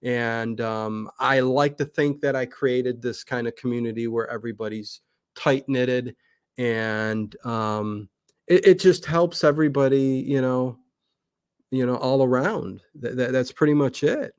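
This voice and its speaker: As a guest on a casual livestream interview, a man who runs an online old-time radio channel chats in a rambling way, often restarting sentences as he thinks aloud. His medium-pitched voice is smooth and a little slow, and the dry sound has no echo or room on it.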